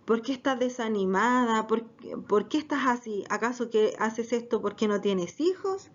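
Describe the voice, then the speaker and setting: Loving husband comforting his wife, read by a woman, slow soothing questions, dull lo-fi sound. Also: on the high side, lively intonation. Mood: consoling. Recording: dull lo-fi recording.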